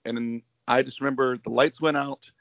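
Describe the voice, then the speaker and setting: A middle-aged man speaks as an interview guest over a video call, his voice coming through dull and lo-fi with no room sound at all. He talks at a moderate pitch and tells his stories in an enthusiastic, rambling way. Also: steady tone, fairly quick, creaky, a bit bright, dry recording. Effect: heard over a video call, connection breaking up. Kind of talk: casual interview.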